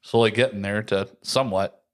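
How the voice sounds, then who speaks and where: This early-thirties American co-host talks quickly in a lowish, steady voice, wandering through a casual podcast chat packed with fillers and frequent "like"s.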